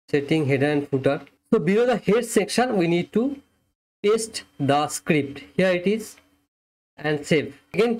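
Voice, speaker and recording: Young man, high-pitched voice, software demo, step-by-step explaining, close webcam mic. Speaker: software reviewer. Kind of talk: screen-recorded software demo. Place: small indoor room, webcam overlay.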